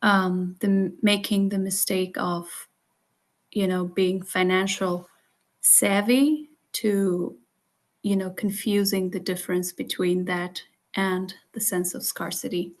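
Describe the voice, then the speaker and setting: Brief: woman from Afghanistan on a video call, slow and even, thoughtful delivery. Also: mid-range voice. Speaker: speaker. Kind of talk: online group discussion.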